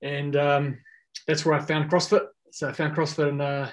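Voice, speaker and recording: A relaxed, casual man from South Africa, a native Afrikaans speaker, talks as a guest in a laid-back podcast chat. His voice sits on the high side and moves at a moderate pace, and he rambles with plenty of fillers and restarts.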